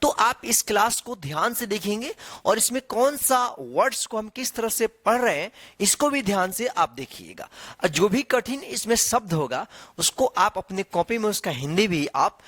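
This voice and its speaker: A man's voice: high voice, animated, normal speed, a bit bright, no echo. A man teaching an online English reading lesson, spelling words letter by letter and asking and answering his own questions.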